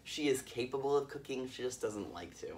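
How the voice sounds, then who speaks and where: A man's voice: mid-range voice, a little fast, darkish tone, a little hiss or hum. Easygoing man explaining from a distance. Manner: easygoing, laughs often, wordy explaining. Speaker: vlog host making coffee. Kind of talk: casual chatty demonstration. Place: yurt in the mountains.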